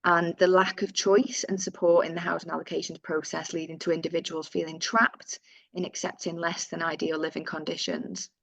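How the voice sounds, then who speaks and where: A woman's voice: low voice, level tone, a little fast, gravelly, no echo, rough recording. A woman with a Northern English accent presenting survey findings in a webinar, reading out figures with fillers and self-corrections.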